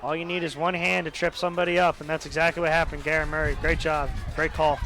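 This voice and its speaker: Student color analyst, young man, high-pitched, explains plays loosely with fillers, outdoors at a stadium. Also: little pitch movement, quick pace, bright, forceful tone, rough recording. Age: young adult. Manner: analytical, many fillers like "uh" and "you know". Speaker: color commentator. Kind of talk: college football analysis.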